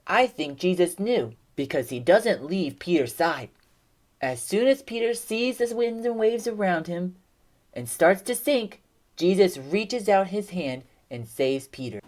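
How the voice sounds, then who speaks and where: A young woman teaching a children's Bible lesson, telling the story in an expressive, animated way. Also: fairly low pitch.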